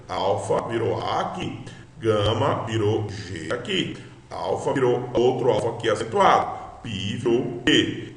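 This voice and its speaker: A man's voice: medium pitch, fairly bright tone. Roomy-sounding man teaching. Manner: explanatory, repeats words slowly, checks in with listeners. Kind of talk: recorded video lesson. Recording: roomy echo.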